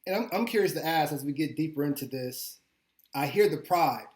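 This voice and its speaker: A man's voice: fairly high pitch, expressive, a little fast, darkish tone, roomy sound. A man hosting a podcast interview in a casual, upbeat way, often repeating words as he goes. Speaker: podcast host.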